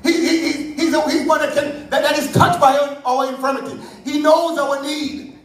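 Male preacher, very high voice, fervent sermon with shouted peaks, recorded far off in a booming church hall. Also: fairly even intonation, normal speed. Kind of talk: Sunday sermon. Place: church sanctuary. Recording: very echoey church hall, heard from afar.

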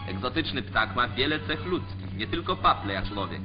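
In a formal, declamatory scripted commentary for a 1940s newsreel, a man narrates with a mid-range voice, lively intonation and moderate pace. The track is dull and lo-fi with that old 1940s newsreel sound, and music plays beneath his voice.

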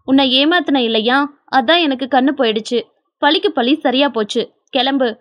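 A woman voicing a bitter, newly blinded young husband who speaks flatly and curtly, in a dry storybook recording. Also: sits high, normal speed, no room sound. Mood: cold, curt. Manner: flat, curt and unyielding.

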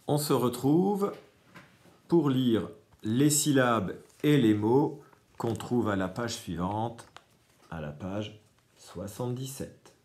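A man's voice: medium pitch, lively intonation, slow, long pauses, a little mellow. A man teaching a reading lesson to young children, patiently stressing each key word.

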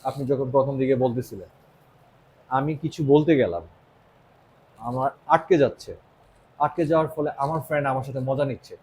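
A man's voice: medium pitch, brisk, long pauses, darkish tone, slightly rough, low-quality recording. A young man from Bangladesh with a Bangladeshi accent, giving a casual motivational English lesson and often asking "right?". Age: young adult. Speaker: English teacher.

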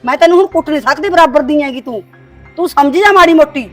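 In a village short film, an actress voices a harsh, scolding stepmother, a middle-aged village woman, speaking quickly in a high voice. Her nagging, sharp-tongued Punjabi carries a Punjabi accent, with faint music behind it.

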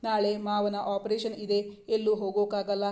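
Storybook role: gentle, doting young husband, read by a woman, soft and reassuring, monotone delivery. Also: mid-range voice, moderate pace, natural voice. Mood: tender.

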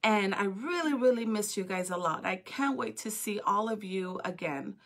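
Holding a phone at arm's length in a small indoor school office or classroom, a woman in her thirties reads to young students and talks with them. Her mid-range voice moves at a normal speed, and she addresses the children directly, expressive and encouraging as their educator.

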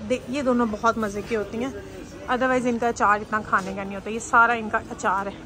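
A woman's voice: fairly high pitch, steady tone, a little fast, crowd noise. A woman chatting casually as she films herself shopping in a big supermarket, exclaiming at prices and food. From Pakistan. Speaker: vlogger. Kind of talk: casual shopping vlog chat. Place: large indoor supermarket. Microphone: handheld phone camera. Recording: background music laid over.

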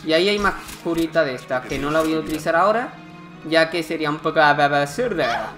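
Guy commenting on a game, chatty and jokey, game music loud behind him. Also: fairly high pitch, lively intonation, fairly quick. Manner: chatty, joking, exclaims at the game. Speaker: gameplay commentator. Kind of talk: casual let's-play commentary.

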